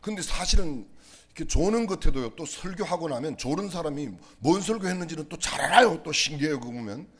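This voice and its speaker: Middle-aged male pastor, husky voice, lively playful delivery, joking sermon in a church. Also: on the high side, fast talker. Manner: playful, teasing, asks the audience questions. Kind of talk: humorous sermon with jokes and questions to the congregation. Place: church sanctuary.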